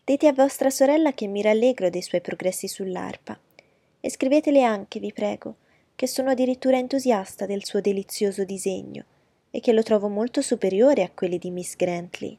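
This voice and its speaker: A woman's voice: mid-range voice, normal speed, creaky, warm tone, husky, dry recording, pitched above the performer's own voice. A woman reading aloud voices a young society lady who fawns eagerly and insists on her compliments. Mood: gushing.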